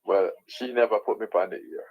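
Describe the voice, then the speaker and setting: Husky Jamaican man, radio show caller. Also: fairly low pitch, lively intonation, fairly quick. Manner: insistent, repeats points with tag questions. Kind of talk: opinionated radio call-in rant. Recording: dull lo-fi sound.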